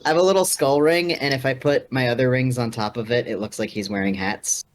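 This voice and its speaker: A podcast co-host in casual chat, teasing and sarcastic, firing off quick comebacks. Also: medium pitch, a little hiss or hum.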